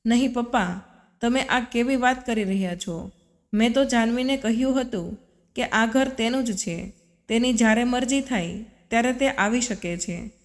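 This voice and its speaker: A woman's voice: on the high side, natural voice. A woman voicing a young husband who pleads with and reproaches his wife, in a storybook reading. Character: young husband, earnest then hurt and angry. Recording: long reverb.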